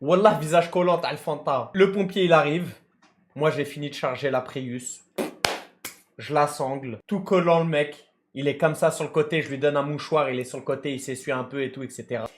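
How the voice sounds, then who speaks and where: A man telling a comic anecdote in casual slang, acting out people and shouting at times. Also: a little high, fairly quick, slight background noise. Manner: animated, slangy, mimics and shouts mid-story. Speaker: storyteller recounting a tow job.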